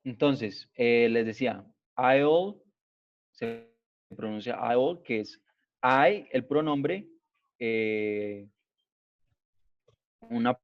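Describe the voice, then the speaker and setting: A male teacher giving an online grammar class, explaining slowly and patiently and checking in after each point. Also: mid-range voice. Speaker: English teacher. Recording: dull lo-fi online class audio.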